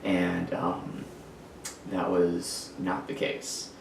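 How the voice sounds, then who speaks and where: Young man, very low and flat, gravelly, hesitant, echoey room, distant mic. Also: a little hiss or hum. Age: 20s. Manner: halting, searching for words. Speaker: podcast guest. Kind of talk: personal storytelling.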